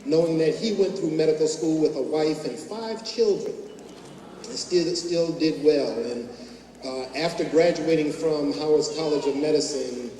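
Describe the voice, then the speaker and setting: A middle-aged doctor gives a graduation speech in a large hall, telling anecdotes with self-mocking humor. His voice is a little high and warm, at a normal speed, and the recording is distant and echoey with a faint hum.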